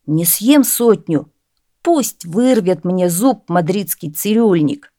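A woman's voice: fairly low pitch, lively intonation, takes it slowly, warm tone, no echo, studio quality, heavily acted. A woman voicing a sly, stubborn male peasant in a storybook reading. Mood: boastful. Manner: stubborn, cunning, cheerfully boastful.

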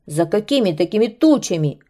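Storybook kite, male, boastful and grumbling, slow delivery; a woman voices it. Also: lowish voice, expressive, dark tone.

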